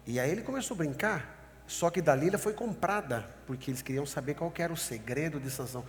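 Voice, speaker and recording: A male pastor delivers an emphatic sermon with a fairly high voice. He keeps warning his listeners and speaking straight to them. His voice hangs in a long reverb over soft background music. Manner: emphatic, warning, addresses the congregation.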